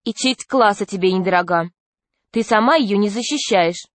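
A woman's voice: medium pitch, moderate pace, dry recording, lightly acted. A woman reading a storybook, voicing a bossy, earnest schoolgirl class monitor who lectures her classmates. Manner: lecturing, stern.

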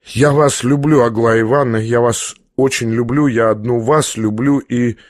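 A man voicing a gentle, timid young prince who speaks softly and haltingly. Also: medium pitch, fairly even intonation, no echo, clean studio sound, lightly acted. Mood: tender. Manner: soft, hesitant, halting.

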